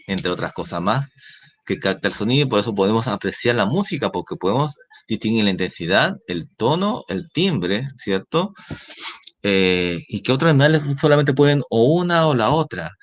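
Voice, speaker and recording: A man's voice: lowish voice, sing-song, moderate pace. A man with a Chilean accent, a science teacher explaining a lesson and often checking in with tag questions. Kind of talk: recorded class lecture.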